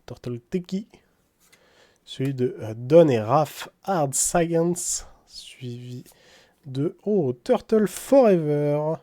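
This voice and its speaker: Slow, mellow-voiced man reading card names. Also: mid-range voice, lively intonation. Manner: reads card names aloud, wry asides; stumbles over English card names in a French accent. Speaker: card-opening YouTuber. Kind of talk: casual card-opening commentary.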